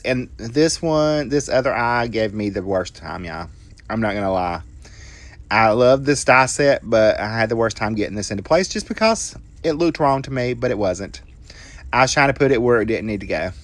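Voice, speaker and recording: A man's voice: mid-range voice, no room sound. A middle-aged man, casually narrating a card-making tutorial with folksy, self-deprecating asides to his viewers. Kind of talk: casual crafting tutorial voice-over.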